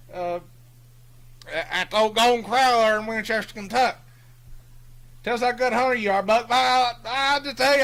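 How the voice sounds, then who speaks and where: A bragging, rambling hillbilly host with a folksy drawl, as a man puts him on. The voice sits high and sounds bright and twangy, full of fillers and chuckles. He talks like a character on a homemade live stream.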